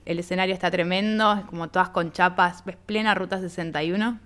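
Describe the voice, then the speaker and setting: Argentine woman telling a lively travel story. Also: on the low side, a little fast. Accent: Argentine Spanish. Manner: lively anecdotal, reenacts dialogue with "me dice". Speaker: guest traveler. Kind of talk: casual radio interview storytelling.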